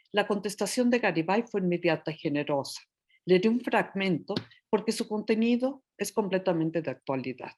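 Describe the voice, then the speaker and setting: A woman reading a prepared history lecture aloud, careful and measured, slowing down to sound out Nahuatl place names. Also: on the low side, darkish tone. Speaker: historian presenting her book.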